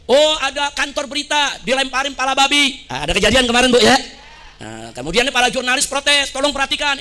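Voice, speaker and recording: A middle-aged man delivers a fiery sermon to a women's study gathering. His voice sits very high and cuts with a sharp, forceful edge. He keeps calling questions out to the room to rouse his listeners. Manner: rousing, fires rhetorical questions at his audience. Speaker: preacher.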